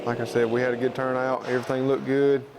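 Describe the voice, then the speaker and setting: A man's voice: medium pitch, flat delivery, fast, noisy background. A man with a Southern US accent giving an informal interview, explaining things in a plain-spoken, folksy way. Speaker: student club president being interviewed.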